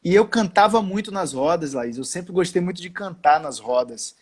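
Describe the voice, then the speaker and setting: A man from Salvador, a guest on a live-stream interview from home, talking in a relaxed, slangy way. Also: sits high, moderate pace, breathy edge. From Salvador, Bahia, Brazil. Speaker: actor guest. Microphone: video call.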